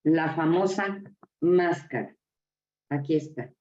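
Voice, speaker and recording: Expressive woman leading a workshop. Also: low-pitched, slow pace. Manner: expressive, exclaiming, calls out to the audience. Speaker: workshop facilitator. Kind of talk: live workshop talk to a group. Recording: echoey, dull lo-fi room from far off.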